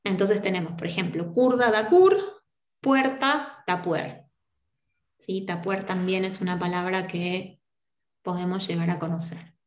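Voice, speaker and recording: A woman's voice: fairly low pitch, unhurried, reverberant. An Argentine woman teaching a university class, explaining step by step and often checking in with her students. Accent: Argentine Spanish. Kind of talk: online lecture.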